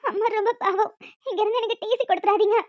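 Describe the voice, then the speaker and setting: A performer voicing a frightened seventh-grade girl in a cartoon, soft and tearful. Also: very high-pitched, steady tone, fast talker, no echo. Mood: pleading. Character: scared schoolgirl, seventh grade. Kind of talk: cartoon voice acting. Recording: dull lo-fi dry recording.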